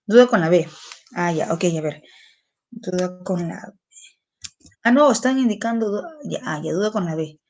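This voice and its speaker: A woman teacher, giving an online class, explaining slowly and repeating phrases for her students. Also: on the low side, lively intonation, darkish tone.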